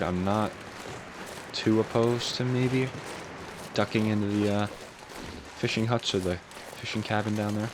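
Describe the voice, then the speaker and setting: A man with a low, just-woken morning voice narrates a video game playthrough. He is calm and unhurried, musing aloud as he goes. Clear ambient noise runs behind him. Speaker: gaming channel host.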